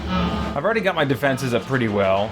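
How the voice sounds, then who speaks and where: Over loud music, this streamer talks a little fast in a mid-range, sing-song voice. He gives casual gameplay commentary and chats informally with his audience, musing aloud as he plays, with game ambience clearly audible behind him.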